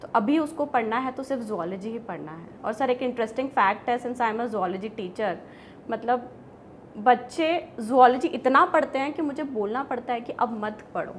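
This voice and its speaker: A woman teacher telling classroom stories in a relaxed conversational way, mixing Hindi and English and laughing often. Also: a little high, moderate pace, slight background noise. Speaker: zoology teacher. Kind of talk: conversational storytelling.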